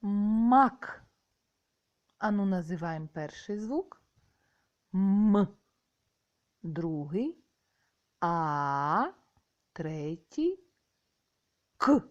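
A woman teaching young children a classroom lesson, patient and encouraging with drawn-out words. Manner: patient and encouraging, drawn-out with lively pitch swings. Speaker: primary school teacher. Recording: dull lo-fi recording.

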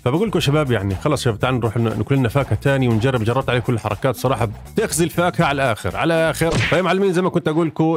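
A man giving casual, rambling gameplay commentary, chatting to his viewers as he plays. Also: medium pitch. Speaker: gaming YouTuber.

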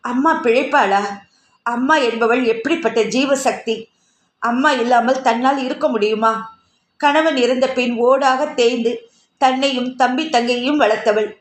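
A woman's voice: fairly high pitch, fairly even intonation, measured pace, close to an everyday voice. A woman voicing a frightened young woman who pleads and sobs, read in a roomy space. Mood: tearful. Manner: pleading, sobbing.

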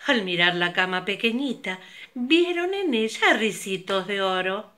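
Older woman narrating a children's story, slow and animated. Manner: slow and very expressive, leaping pitch.

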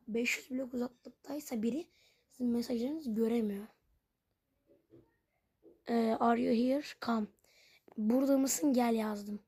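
A woman's voice: sits high, mellow, breathy edge. A woman commenting on her own game as she plays, puzzled and rambling, and she keeps talking to her viewers. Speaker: gaming channel host. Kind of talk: Minecraft let's play commentary.

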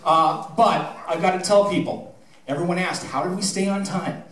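A middle-aged high school theatre director with a high voice and moderate pace gives a lively, projecting informal speech packed with anecdotes and thank-yous. He holds a microphone routed through the PA, and the recording is roomy and distant, filmed from the audience.

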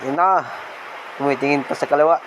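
A man with a slight lisp from missing front teeth, giving excited casual commentary as a vlog host outdoors. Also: on the high side, a little fast. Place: outdoors on a rural road, partly riding a motorbike. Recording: outdoor noise, passing motorbikes.

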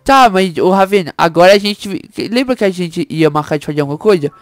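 A woman voicing an excitable baby boy speedster hero in a Minecraft roleplay, bossy and frantic, shrieking when scared. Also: lowish voice, fairly quick, dry recording, close to an everyday voice. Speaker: channel host.

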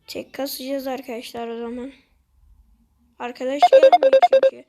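A woman commenting on her own gameplay to her viewers, getting frustrated and excitable as she plays. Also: sits high, moderate pace, over loud music. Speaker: gaming channel host.

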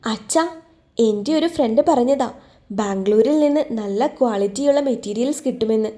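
A woman voicing a patient young heroine in an audio love story, speaking in a gentle, comforting way. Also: a little high, moderate pace, close to an everyday voice.

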